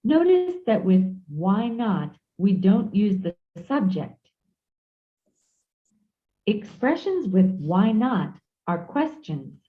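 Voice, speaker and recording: Lively woman narrating textbook audio, tinny. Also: mid-range voice, takes it slowly. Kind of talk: scripted instructional narration. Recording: tinny audio played over a call.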